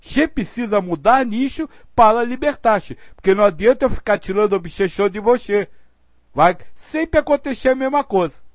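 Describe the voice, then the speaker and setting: A man with a high, light voice explains spiritual teachings in an earnest, patient way. The sound is close and dry, with no room around it. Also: lively intonation, moderate pace, no echo. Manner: earnest, explanatory, acts out example phrasings.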